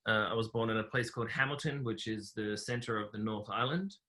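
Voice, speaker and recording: A young man from New Zealand, a podcast guest telling his life story in a relaxed, rambling way with many fillers. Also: lowish voice, fairly quick. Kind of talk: casual conversational interview.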